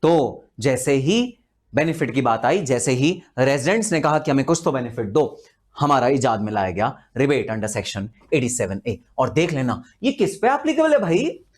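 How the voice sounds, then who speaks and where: An Indian man teaching tax in a live online lecture, chatty and animated, asking rhetorical questions and slipping into dramatic asides. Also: medium pitch, moderate pace.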